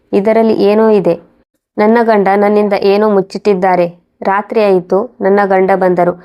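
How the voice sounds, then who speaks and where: A woman narrating a first-person moral story in a steady, even reading voice. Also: medium pitch, muffled recording.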